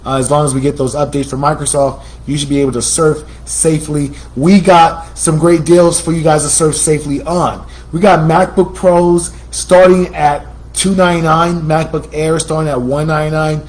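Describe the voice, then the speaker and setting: A man's voice: fairly high pitch, flat delivery, moderate pace, few pauses, darkish tone, low-quality recording. An American man hosting a computer store's promotional video, talking in a chatty, salesy way and often repeating himself. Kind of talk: casual promotional talk.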